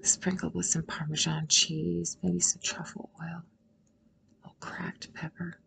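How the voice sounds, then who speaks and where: Guiding a meditation, a woman with a lowish, level-toned voice speaks very slowly and soothingly, leaving long pauses. Heavy creak fills her voice, her phrases often fade into a breathy near-whisper, and the audio quality is poor.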